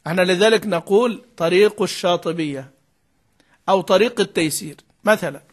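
A man's voice: sits high, brisk. A man teaching the rules of Quran recitation, repeating key terms and prompting his students to fill in answers. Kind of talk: lecture on Quran reading rules.

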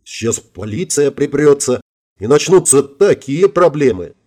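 A man's voice: mid-range voice, animated, measured pace, a little mellow. A man voicing a nervous young sidekick of a thug, sneering then jittery.

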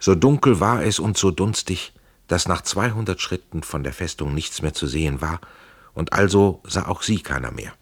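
A man's voice: deep voice, moderate pace, no room sound. A man narrating an audiobook in a dramatic, vivid storytelling manner, close to a studio mic.

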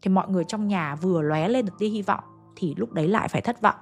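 A woman's voice: mid-range voice, fast talker, soft background music. A woman narrating a ghost story, chatting directly to her listeners.

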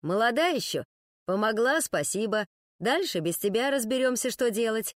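A woman's voice: on the high side, animated, moderate pace, no echo, clean studio sound, natural voice. Lady reading a grumpy rude old guy, bossy. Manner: gruff, rude. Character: rude overweight older man, blustering.

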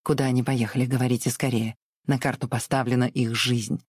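Reader as composed gentleman, brisk, urgent, mid pitch, dry audiobook. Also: flat delivery, husky, dry recording, natural voice. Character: cool, composed Southern gentleman. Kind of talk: audiobook reading.

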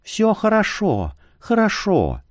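A man voicing a gentle young woman healer in a soft, raised voice. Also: wildly swooping pitch, slow pace, no echo, full character voice. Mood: soothing. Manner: soft, high, soothing.

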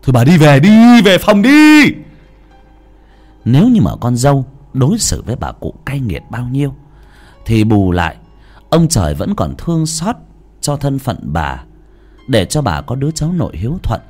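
A man narrating a dramatic audio story with sweeping, expressive delivery. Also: mid-range voice.

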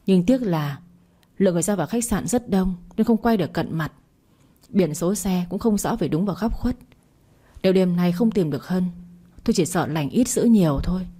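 Woman reading young husband, anxious, pleading, low warm voice. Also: natural voice. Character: worried young husband, devoted.

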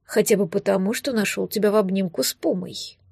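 A woman's voice: medium pitch, brisk, gravelly, darkish tone, slightly rough, dry recording. A woman voicing a mysterious sardonic man in an audiobook, speaking in a dry, musing, condescending way. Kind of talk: audiobook reading.

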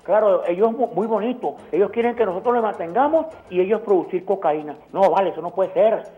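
A woman's voice: medium pitch, expressive, brisk. A woman calling in to a radio show with her phone held away, so she sounds faint. She talks indignantly and stumbles over words. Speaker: radio call-in caller. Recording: dull, faint phone line.

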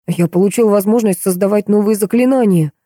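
A woman's voice: medium pitch, lively intonation, moderate pace, dark tone, no room sound, clean studio sound, close to an everyday voice. Hugo, read by a woman, a fervent young heir. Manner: pleading, feverish insistence. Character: young man, dark heir, fervent and unstable. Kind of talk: audiobook reading.

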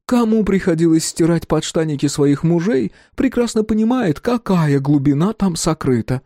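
A sardonic woman needles her listener with pointed, sarcastic questions, voiced by a man reading aloud. Her voice is high and lively, with a close, dry sound. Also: drawn-out words, no room sound.

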